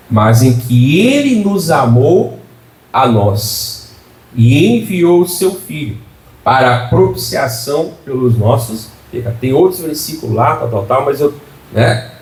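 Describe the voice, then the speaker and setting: A man's voice: a little high, darkish tone. A male pastor preaching to a congregation, firing rhetorical questions, asking for "amém" and joking with the listeners. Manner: jokey asides to the congregation. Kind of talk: preaching a sermon. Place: church before a congregation. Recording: roomy hall, mic at a distance.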